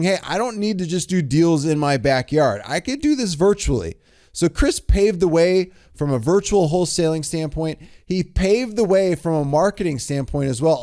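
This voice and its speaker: A man hosts a casual interview, speaking in a slightly high voice. He introduces his guest with enthusiasm and keeps repeating words as he builds up his questions. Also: darkish tone. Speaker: host.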